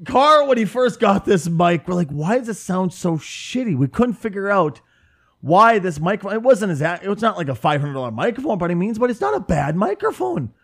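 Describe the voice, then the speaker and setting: Ein Mann mit nördlichem Minnesota-Akzent, der locker, derb und scherzend einen Podcast moderiert. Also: male voice, high-pitched, sing-song, a little fast. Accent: Northern Minnesota. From northern Minnesota. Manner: loose, profane and joking. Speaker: podcast host and streamer. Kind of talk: casual podcast chat. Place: home room with window open.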